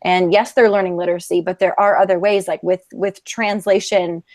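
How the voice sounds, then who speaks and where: Lively woman telling a story, dry sound. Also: fairly low pitch, normal speed, dry recording. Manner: animated storyteller, self-mocking. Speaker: teacher in a book club chat. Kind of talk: casual online discussion.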